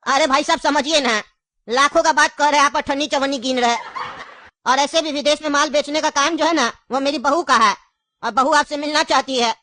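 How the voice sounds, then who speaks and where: A woman's voice: sits high, steady tone, a little fast, sharp tone, dry recording, studio quality. A woman voicing an elderly grandfather in a cartoon, cunning and grieving, with an insistent, coaxing way of talking. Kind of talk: cartoon voice acting.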